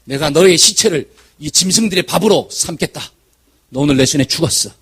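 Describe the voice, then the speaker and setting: A boastful giant warrior bellows taunts and threats in a husky voice that leaps up and down, as a male preacher acts him out. He sounds loud and sure of his strength. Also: fairly high pitch, lively intonation, a little fast, voice pushed down, full character voice. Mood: threatening. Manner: shouting taunts.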